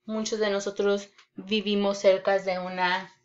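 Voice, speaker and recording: A woman teacher giving a children's reading lesson online, speaking deliberately, repeating words and checking in with "ok?" often. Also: mid-range voice, level tone. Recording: dull lo-fi recording.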